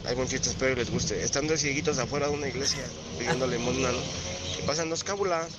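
A man with a Mexican accent calling a radio show to tell a joke in a casual, slangy way, over loud street noise. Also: mid-range voice, fast talker. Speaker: caller. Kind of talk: telling a joke on the phone. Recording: loud street noise and traffic behind the call.

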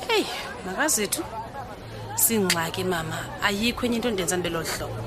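A woman's voice: mid-range voice, animated, fast talker, a loud crowd, natural voice. An actress playing a younger woman in a radio drama, chatty and respectful as she confides in an elder. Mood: worried. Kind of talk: radio drama acting in dialogue.

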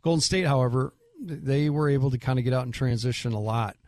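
A male basketball analyst talks through the game in a halting way, doubling back on words and leaning on fillers. His voice is mid-pitched. It is recorded close and dry. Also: a little mellow, no echo. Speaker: coach analyst. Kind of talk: sports analysis.

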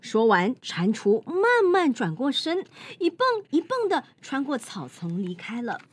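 A woman's voice: high-pitched, huge pitch swings, unhurried, slightly rough, no echo. A woman reading a picture book to children, playful and full of questions. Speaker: children's storyteller host.

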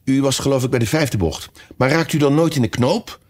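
A man's voice: mid-range voice, fairly quick, voice pushed up, close to an everyday voice. A man reading a storybook aloud, voicing a curious and polite young girl who talks earnestly and pleads.

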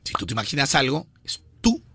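A man hosting a radio show, teasing his co-hosts with dramatic pauses in playful banter. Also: medium pitch, very animated, creaky, sharp tone, breathy edge.

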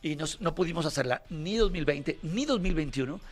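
A man's voice: fairly high pitch, expressive, normal speed. A middle-aged man with a Mexican accent hosting a casual chat and telling stories, acting out the quoted dialogue. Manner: storytelling, acts out quoted dialogue. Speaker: host.

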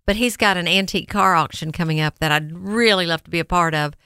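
Uma mulher com sotaque do sul dos Estados Unidos, leiloeira e coapresentadora, falando descontraída com muitos "um". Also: female voice, fairly low pitch, fast, clean tone, no room sound, clean studio sound. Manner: relaxed, with frequent ums. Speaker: auctioneer and co-host. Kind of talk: casual radio talk.

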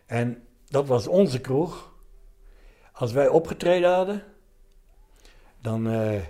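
An elderly man reminisces in a relaxed interview setting. He tells his anecdotes haltingly, in short fragments. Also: medium pitch. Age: 70s. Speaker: interviewee, retired commando veteran.

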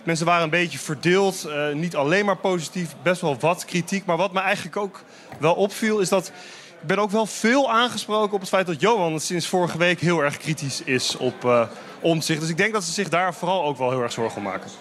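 A man with a fairly high voice delivers a live report to the studio. He talks in a steady, measured way, often pausing on filler sounds. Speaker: field reporter.

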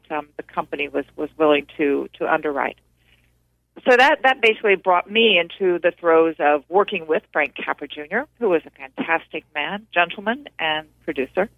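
A woman's voice: on the low side, moderate pace, no room sound. A woman film producer, a guest on an interview, recalls her work in a talkative way with frequent restarts, speaking over the phone. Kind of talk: casual interview recollection. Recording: tinny phone line.

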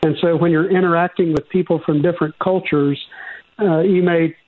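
A man's voice: a little high, fairly even intonation, moderate pace. A man with a Georgia Southern accent talks as a radio interview guest. His voice comes through a thin, tinny phone-like connection, with a conversational delivery. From Georgia, USA. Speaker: seminary admissions director, interview guest. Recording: tinny, narrow phone-like line.

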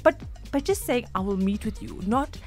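A young woman from South Africa with a South African English accent tells her story as a radio guest, her voice rising and falling in lively swings. She talks quickly and laughs often, stumbling over restarts, with faint music behind her. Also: on the high side. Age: young adult. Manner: animated, laughing, many restarts and fillers. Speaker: political journalist, studio guest. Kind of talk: casual radio interview storytelling. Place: radio studio.

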